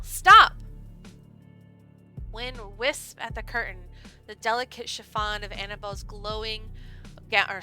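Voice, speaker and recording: A woman's voice: mid-range voice, pushed and bright. A woman streamer reading a visual novel aloud with chatty, laughing asides, her throat drying out. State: voice going hoarse, throat dry.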